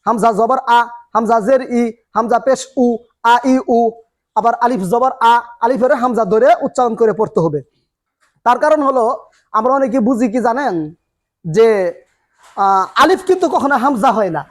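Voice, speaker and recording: A man's voice: extremely high pitch, normal speed, pauses often. A man teaching Quran reading in a classroom, asking the students questions and answering them himself as he repeats each rule. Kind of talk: classroom lesson.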